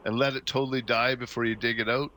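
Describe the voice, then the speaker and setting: A man's voice: medium pitch, level tone, quick pace, sharp tone, a little hiss or hum, rough recording. A middle-aged man hosting a radio call-in show, giving casual advice in an informal, rambling, folksy way. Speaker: radio gardening phone-in host. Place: radio studio. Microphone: close studio microphone.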